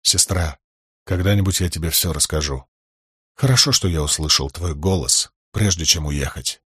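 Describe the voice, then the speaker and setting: A calm, cold young nobleman, as a male narrator puts him on. The voice drops low and soft, with a husky edge, close and dry. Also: a little slow, no echo, full character voice. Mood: gentle. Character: cold young nobleman, quietly menacing son.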